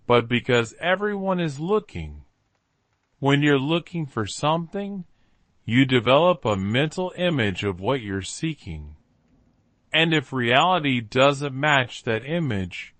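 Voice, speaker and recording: Male narrator as self-assured, reflective storybook detective; measured fireside storytelling, slow and expressive. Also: medium pitch, no echo. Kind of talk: story dialogue read by narrator.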